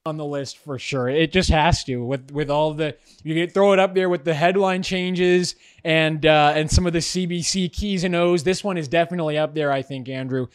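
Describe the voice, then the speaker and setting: A man's voice: a little high, moderate pace, hardly any pauses, clear, resonant tone. A man co-hosting a news commentary show, incredulous and mocking about a story. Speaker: co-host.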